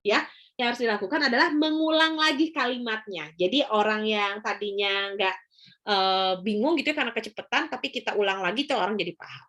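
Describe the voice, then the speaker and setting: A woman's voice: medium pitch, brisk, fairly bright tone. A woman lecturer explaining in a chatty way, with frequent fillers and rhetorical questions to her students. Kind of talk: casual spoken lecture.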